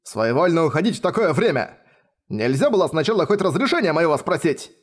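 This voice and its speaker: A man's voice: fairly high pitch, very animated, brisk. A man voicing a stern, commanding older nobleman in an audiobook reading, with a barking, bellowing delivery. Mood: scolding.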